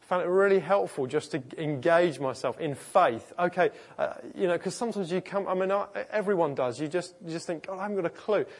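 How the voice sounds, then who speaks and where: A man's voice: a little high, fairly quick, hardly any pauses. Man, pastor, conversational sermon, earnest, informal, frequent self-corrections.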